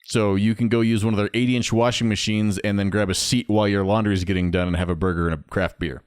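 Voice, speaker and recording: A man in his thirties co-hosts a casual podcast, chatting wryly and reading items off a list. His voice is lowish and steady, delivered fast with a clean tone. The studio-quality recording has no echo.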